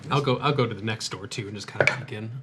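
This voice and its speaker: A man's voice: fairly low pitch, fast talker. A man chatting casually as a player in a tabletop game. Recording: faint noise behind.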